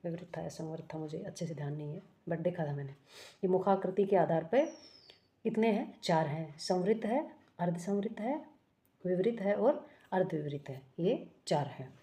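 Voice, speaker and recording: A woman's voice: on the low side, normal speed, dark tone. A woman teaching an exam-prep grammar lesson, explaining step by step, asking questions and answering them herself, and correcting herself often.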